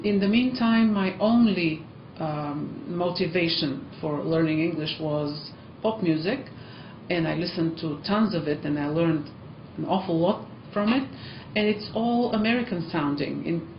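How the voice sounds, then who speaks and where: This casual vlog features a woman from Eastern Europe, a language school teacher with an Eastern European accent, gently encouraging learners amid frequent ums and uhs. She talks a bit slowly in a voice on the low side, and the echoey, muffled sound has a little hiss or hum.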